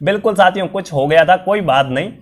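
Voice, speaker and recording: A young man with a high voice talks fast as he runs a live online quiz class for exam prep. His voice is strained and worn from illness and long hours of talking, yet he keeps quizzing students over and over in an upbeat way, full of fillers.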